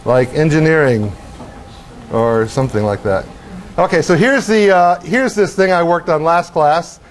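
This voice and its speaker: A man's voice: fairly high pitch, a little slow, slight background noise. Middle-aged man lecturing to a hall. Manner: animated, acts out motion as he explains; asks the class questions, wry asides. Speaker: professor. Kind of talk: university lecture.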